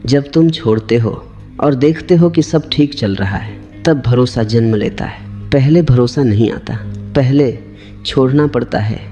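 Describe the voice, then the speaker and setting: A man giving a slow, calm spiritual discourse as a teacher, with short repeated phrases. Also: medium pitch, soft background music.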